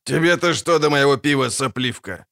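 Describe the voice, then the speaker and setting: A man voicing a grumpy, foul-mouthed dwarf wagon driver in an audiobook, gruff and barking. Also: medium pitch, moderate pace, fairly bright tone, no room sound, clean studio sound. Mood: angry. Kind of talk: audiobook character voice.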